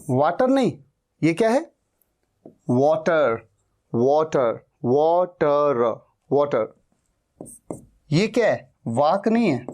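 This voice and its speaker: A man teaching English pronunciation, drilling each word slowly and saying it again and again. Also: sits high, darkish tone. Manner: drills words slowly, repeating them. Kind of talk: pronunciation lesson.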